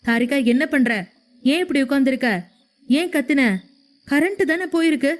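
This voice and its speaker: A woman voicing a caring young man who gently reassures his wife in a storybook narration. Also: sits high, moderate pace, natural voice. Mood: reassuring. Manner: soothing, reassuring.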